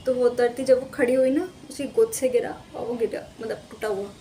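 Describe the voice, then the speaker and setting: Chatty woman vlogger, slightly high voice. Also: steady tone, a little fast, warm tone, a little hiss or hum. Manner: chatty and rambling, addresses viewers directly. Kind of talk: casual unboxing vlog. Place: room at home with books behind her.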